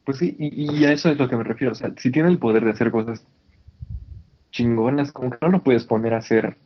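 Man, casual slangy co-host, husky timbre, muffled call audio. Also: mid-range voice, fairly quick. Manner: animated, slangy, frequent restarts. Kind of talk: casual chat. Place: indoors in Canada.

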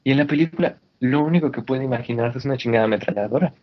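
A man talks in a lively, slangy way, often restarting his sentences. His voice is husky, and the call audio sounds dull and lo-fi. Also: medium pitch, rapid-fire. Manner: animated, slangy, frequent restarts. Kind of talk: casual chat. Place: indoors in Canada.

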